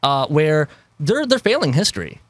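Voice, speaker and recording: A man hosting a casual movie podcast, talking animatedly with frequent swearing and quick laughs. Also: fairly high pitch, sing-song, no echo. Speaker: podcast host. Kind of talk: casual chat.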